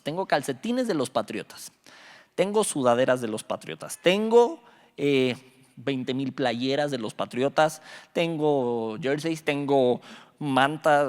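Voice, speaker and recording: A young man preaches to a youth group. He tells the stories in an animated way, acts out the dialogue and jokes with the crowd, and his voice swoops widely and sits fairly high. The sound carries a long hall reverb. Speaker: youth pastor. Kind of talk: youth Bible study sermon.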